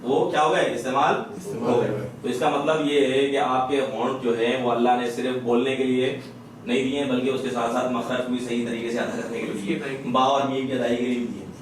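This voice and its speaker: A man's voice: mid-range voice, steady tone, distant mic, slight background noise. Echoey teacher quizzing his class. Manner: drills students with repeated questions and slow sound demonstrations. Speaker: Quran recitation teacher. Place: madrassa classroom.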